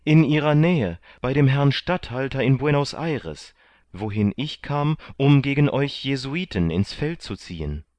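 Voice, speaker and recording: A man's voice: lowish voice, takes it slowly, a little mellow, dry recording, dull audio. A man reading an audiobook voices a naive young man who exclaims in breathless, tumbling questions. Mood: eager. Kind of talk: audiobook reading of a classic novel.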